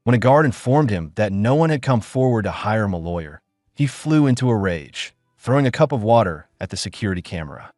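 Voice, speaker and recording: Lowish male storyteller, very expressive. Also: a little fast, dry recording, studio quality, faint music behind. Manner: dramatic storytelling reading. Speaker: narrator. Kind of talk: scripted narration.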